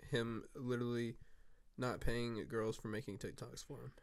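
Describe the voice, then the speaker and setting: A man's voice: mid-range voice, level tone, normal speed. Dry-quipping young man co-host. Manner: dry quips and short interjections. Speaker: podcast co-host. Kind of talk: casual podcast banter.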